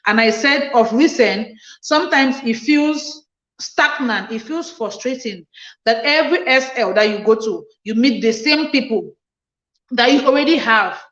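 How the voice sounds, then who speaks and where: A woman's voice: a little high, expressive, a little slow, fairly bright tone. Woman doing a casual livestream chat, reads comments out and answers, repeats stuff for emphasis, echoey room, kinda muffled. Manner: reads viewer comments aloud and answers them; earnest, repeats phrases for emphasis. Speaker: livestream host.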